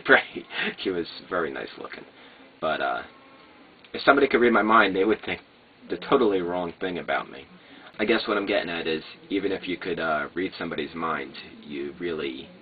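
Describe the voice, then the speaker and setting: A man with slurred speech rambling casually to a vlog, hesitant and meandering, often trailing off. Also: low voice. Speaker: vlogger. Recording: noisy, muffled phone-like sound.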